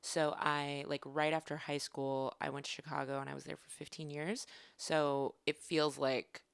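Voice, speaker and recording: A chatty woman with a low voice talks casually as a podcast guest. She rambles through stories with plenty of fillers. The sound is dry and close. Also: flat delivery, normal speed, creaky, clear, resonant tone, no echo. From California. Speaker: comedian guest.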